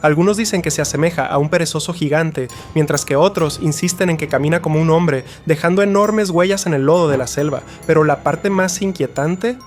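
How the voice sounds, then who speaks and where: A man's voice: on the high side, a little fast, few pauses, soft background music. A man narrating a scripted nature documentary in a dramatic, suspense-building storytelling manner.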